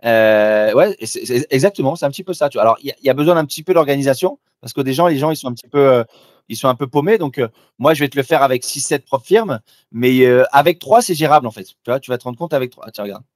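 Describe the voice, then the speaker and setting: A man's voice: mid-range voice, lively intonation, quick pace, no echo, studio quality. A man doing live trading commentary, talking informally and directly to the listener with frequent restarts. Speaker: trader presenting a live trading demo.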